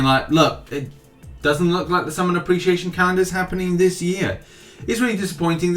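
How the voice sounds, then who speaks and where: A man hosting a mobile game news channel delivers a gaming news update to his viewers, casual and chatty, with jokey asides and an emphatic, sing-song delivery. His voice is a little high and a bit bright. Background music plays.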